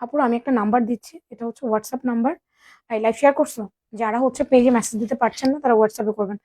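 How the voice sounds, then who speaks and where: A woman with a sore throat hosts a live clothing sale. Her voice sits high and she talks fast and chatty. She greets viewers by name, and the sound is close and dry, with no room echo. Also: fairly even intonation, mellow. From Bangladesh. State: sore throat, speaking softly. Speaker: online clothing seller. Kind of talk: live sales stream.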